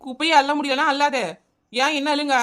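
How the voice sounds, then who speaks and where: A cheeky, stubborn village neighbour, played by a woman talks back with mocking Kanyakumari Tamil banter. Her voice is high and bright. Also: flat delivery, a little fast. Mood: sassy. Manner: sassy backtalk, mocking.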